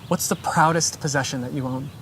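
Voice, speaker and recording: In a steady, middle-pitched voice, an interviewer runs through quick questions, dropping short upbeat reactions between them, over a faint hiss of background noise.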